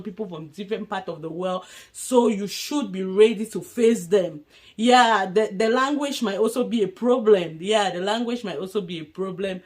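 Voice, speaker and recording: A young woman from Africa giving casual, earnest advice in a vlog, laughing often as she talks. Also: medium pitch. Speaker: vlogger.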